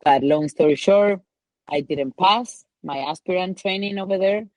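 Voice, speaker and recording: A woman's voice: on the low side, normal speed, a little mellow, no echo, rough recording. A woman from Ecuador with a Spanish accent, a mountain guide telling her story in a casual interview, rambling with many "like" and "you know" fillers.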